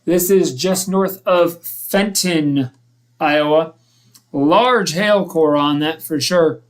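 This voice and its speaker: Speaking live and off the cuff about severe weather, a male weather host analyses the situation in a slightly high voice, somewhat hesitant and prone to correcting himself.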